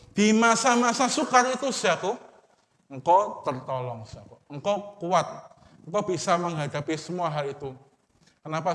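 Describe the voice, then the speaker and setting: A man with an Indonesian accent, a pastor preaching a sermon in casual everyday speech, trailing off softly at the end of phrases. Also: fairly high pitch. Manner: repeats a term of address after most phrases, fading to a murmur. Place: church hall. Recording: long hall reverb.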